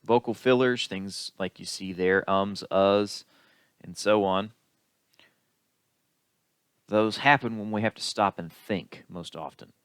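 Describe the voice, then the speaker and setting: A man giving a recorded lecture as an instructor, explaining in an unhurried way with the odd filler. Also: on the low side, a bit bright, clean tone, dry recording.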